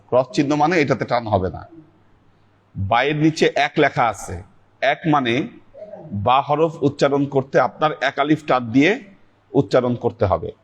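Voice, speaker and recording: A man teaching a class on pronouncing Arabic letters, speaking slowly and patiently, drawing out each letter sound. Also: medium pitch. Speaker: Sufi teacher leading a weekly class.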